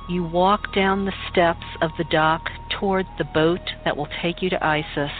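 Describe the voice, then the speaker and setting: A woman with a lowish voice guides a meditation, calm, soothing and unhurried, with pauses. The recording sounds muffled and phone-like, with meditation music playing behind her.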